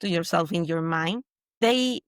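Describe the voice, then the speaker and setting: A woman's voice: lowish voice, measured pace, clear, resonant tone, no room sound. Venezuelan woman guest, earnest and reflective. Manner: earnest, reflective, with frequent restarts. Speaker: mindset coach guest. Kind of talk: interview conversation.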